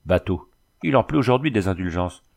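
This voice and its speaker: Man reading as a drunk, crude street ruffian; loud rambling bluster. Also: deep voice, expressive, brisk, vocal fry, heavily acted. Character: drunken ragged male ruffian, crude and rowdy.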